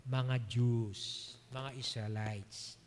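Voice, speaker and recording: A male pastor preaching a sermon emphatically, often checking in with "Okay?" and reading verses slowly. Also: mid-range voice, fairly even intonation, long reverb tail, background noise. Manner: mixes in English phrases and reads verses slowly. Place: church.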